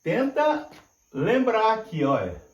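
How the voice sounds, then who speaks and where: An older man teaching at a whiteboard, explaining slowly and repeating each point while checking that his students follow. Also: high-pitched, wildly swooping pitch, recorded from a distance, lo-fi sound. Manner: slow, repetitive, drawn-out explaining with frequent checks. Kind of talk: classroom lecture at a whiteboard. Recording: echoey room.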